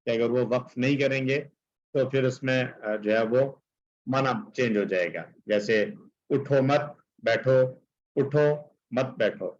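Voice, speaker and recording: A man's voice: mid-range voice, dull audio. A male teacher giving an explanatory lecture, reciting Arabic verses and translating them, with many filler phrases.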